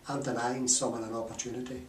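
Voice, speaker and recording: A calm therapist leads a client with short, affirming prompts. The pace is quick. The recording is echoey and a little distant, with faint noise. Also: medium pitch. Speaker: EFT therapist leading a client through a session. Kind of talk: therapy session, phrases given for the client to repeat.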